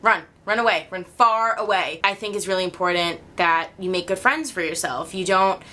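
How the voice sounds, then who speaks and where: A woman's voice: lowish voice, normal speed, bright, forceful tone. A young woman with a regional American accent talking candidly to her camera in a personal vlog, laughing often. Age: young adult. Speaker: YouTuber.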